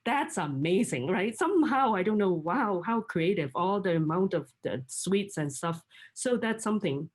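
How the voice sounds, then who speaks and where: A middle-aged woman from Hong Kong, appearing as a guest, talks freely in a casual chat. Her voice is medium-pitched with lively intonation and a moderate pace. She's chatty, laughs often, and restarts her sentences a lot.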